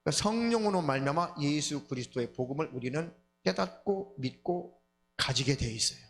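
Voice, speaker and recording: A male pastor delivers a sermon in a slightly raised register. He tells stories in an animated way and acts out prayers and dialogue. Soft music plays faintly behind him. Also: a little high, fairly quick. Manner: animated storytelling, acting out prayers and quotes. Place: church sanctuary.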